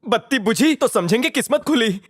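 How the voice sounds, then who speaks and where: An actor dubbing a cheeky young hero who teases and jokes in quick banter. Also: male voice, very high voice, animated. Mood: playful. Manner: teasing, joking, fast banter. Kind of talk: dubbed film dialogue. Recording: film soundtrack with faint music.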